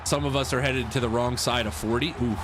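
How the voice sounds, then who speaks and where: Over background music, a man in his 30s streams a football video game live, reacting to the action, chatting loosely with his audience, and frequently repeating himself. He speaks fairly quickly in a steady, mid-range voice.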